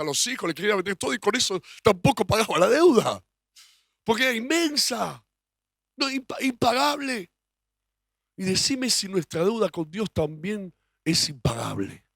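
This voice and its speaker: A man's voice: sits high, a bit bright, no room sound, studio quality. A man with a Rioplatense Spanish accent, preaching a sermon as pastor, emphatic and full of rhetorical questions.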